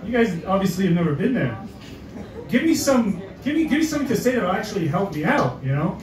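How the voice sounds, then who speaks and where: A local Boston-area man does a stand-up set on a comedy club stage, his high voice very animated and brisk, wry and self-mocking with plenty of hesitant fillers. A crowd sits in the background, and the club audio is echoey and captured from a distance.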